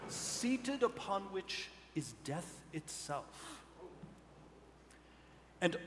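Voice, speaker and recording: A man narrating a tabletop game as game master on a live stage, with slow, deliberate storytelling. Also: on the high side, a bit bright. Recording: live hall reverb, faint noise.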